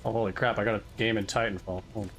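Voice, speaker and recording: A man's voice: lowish voice, steady tone, fast talker, fairly bright tone, soft background music. A young man chatting on a live stream, telling a rambling story with frequent restarts and exasperated asides. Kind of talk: casual chat while live streaming.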